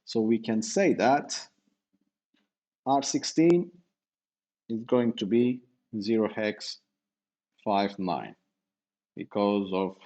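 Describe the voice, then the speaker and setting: A man's voice: on the low side, slow pace, pauses often, mellow. A middle-aged man giving a university lecture, explaining step by step with fillers and self-corrections.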